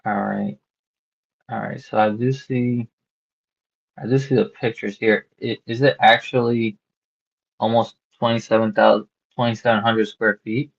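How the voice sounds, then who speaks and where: Gravelly man on a muffled sales call. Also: on the low side, flat delivery. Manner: halting, filler-heavy, restarts sentences. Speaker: real estate wholesaler cold-calling a seller. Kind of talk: casual sales phone call. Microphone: phone call. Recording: dull lo-fi call recording.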